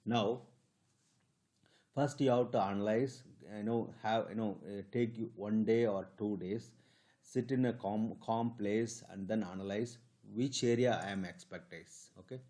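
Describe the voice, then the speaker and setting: A man talks through career advice for PhD graduates in a loose, unscripted way. His voice sits a little low and sounds soft and mellow. He halts often, filling the gaps with "you know" and "okay". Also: steady tone. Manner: halting, full of "you know" and "okay" check-ins. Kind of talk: informal advice talk to camera.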